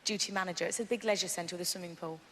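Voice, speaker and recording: Female game show contestant: brisk, short interview answers, long arena reverb. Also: fairly low pitch, steady tone. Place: large indoor arena. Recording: echoey arena, some background noise.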